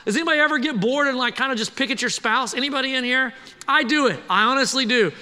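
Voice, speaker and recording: A man preaching a sermon to a congregation, animated and conversational, often asking the crowd questions. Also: extremely high pitch, fast talker, clean tone, in a large hall. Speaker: pastor.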